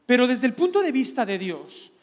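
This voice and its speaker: A middle-aged man with a Spanish accent from Spain, a pastor giving a lively, joking teaching sermon. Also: very high-pitched, moderate pace. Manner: lively, joking, playful preacher. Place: large church hall. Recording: long hall reverb.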